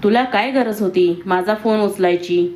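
This is a brusque, irritable young man from a read-aloud love story, voiced by a woman narrator. His lines come out clipped and sharp. The pitch sits in an ordinary middle range. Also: moderate pace, slight background noise, lightly acted. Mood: angry.

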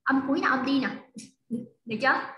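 A woman's voice: high voice, fairly quick, reverberant, highs cut off. A woman teaching English to a child in a one-on-one online lesson, patient and coaxing as she repeats drills. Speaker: English tutor. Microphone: video call.

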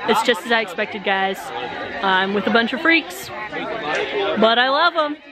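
A woman's voice: fairly high pitch, expressive, a little slow, poor audio. A young woman vlogging outdoors at a wooded campsite with a handheld camera at arm's length, talking in a candid, chatty, self-deprecating way. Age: young adult. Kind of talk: casual vlog. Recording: outdoor camp noise, crowd behind.

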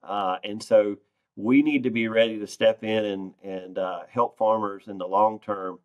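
On a video call, this farm organization president responds to interview questions in an earnest, no-frills way, using a lowish voice with fairly even intonation at a measured pace. The computer mic in the wood-paneled room makes the audio sound dull.

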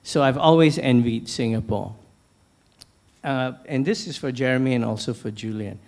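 A middle-aged man from Malaysia moderating a panel on stage in a large hall, speaking into a handheld mic in a measured, anecdotal way with frequent restarts. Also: medium pitch, vocal fry, darkish tone. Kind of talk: panel discussion, posing questions. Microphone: handheld microphone.

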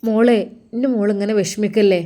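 A woman's voice: mid-range voice, steady tone, brisk, close to an everyday voice. A woman voicing a caring mother who coaxes and reassures her daughter. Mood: coaxing. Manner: coaxing, louder.

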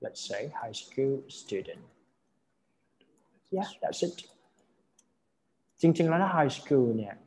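A man teaching English vocabulary at an unhurried pace, with a middle-pitched voice. He explains each word step by step and keeps checking that his students follow. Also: sing-song, darkish tone.

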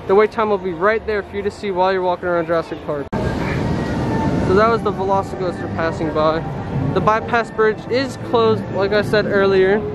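Walking through a theme park with a handheld camera, a young man narrates a casual vlog in a high, steady voice at normal speed. Loud music, crowd chatter and outdoor park noise fill the background.

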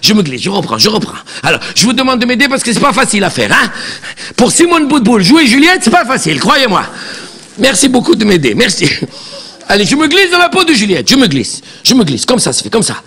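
A man's voice: high-pitched, wildly swooping pitch, a little fast, sharp tone, husky, exaggerated voice. A man playing a chatty, bossy elderly grandmother on stage, repeating words and scolding the audience. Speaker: comic stage character. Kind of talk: live stand-up character comedy. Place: theatre stage.

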